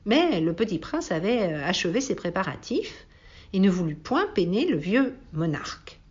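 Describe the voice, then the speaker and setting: A woman reading a storybook aloud in a calm, measured way. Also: medium pitch, dull audio. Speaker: reader.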